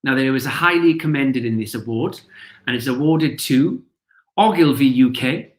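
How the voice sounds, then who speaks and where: A man's voice: medium pitch, moderate pace, echoey room. A man with a Welsh accent hosting an awards ceremony, reading out shortlists and winners with upbeat emphasis. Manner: upbeat, announcing names with emphasis. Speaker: awards host.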